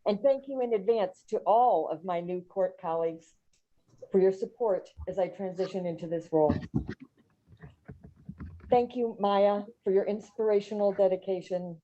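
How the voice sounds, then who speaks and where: A woman's voice: mid-range voice, normal speed, warm tone. A woman judge delivering a formal prepared speech of thanks. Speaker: newly sworn-in judge. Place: courtroom. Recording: dull, muffled sound.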